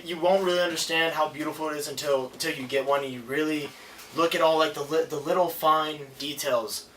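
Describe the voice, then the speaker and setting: A man chatting casually as a co-reviewer, halting and often repeating his words. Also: on the high side, a bit bright. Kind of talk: casual chat, informal product review. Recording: roomy, distant mic, clearly noisy.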